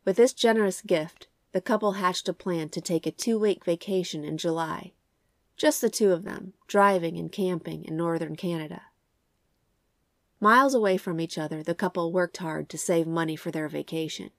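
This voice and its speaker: Croaky, stuffed-up woman narrating true crime. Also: lowish voice, moderate pace, no echo, clean studio sound. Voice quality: croaky, congested. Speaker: podcast host and narrator.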